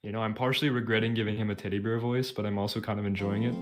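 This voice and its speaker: A man's voice: fairly low pitch, flat delivery, very fast. A man co-hosting a game playthrough with casual, joking, sweary commentary. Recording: music over the voice.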